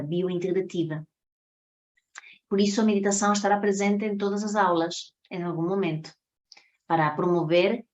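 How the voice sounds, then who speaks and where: Speaking with a fairly low voice, this psychotherapy teacher from Spain has a Spanish accent. She leads an introductory online workshop didactically and regularly checks in with her audience.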